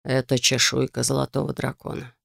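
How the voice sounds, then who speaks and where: A reader voicing a kind male magister, a mentor who talks calmly and softly. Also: mid-range voice, fairly quick, gravelly, dry recording, clean studio sound. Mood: thoughtful.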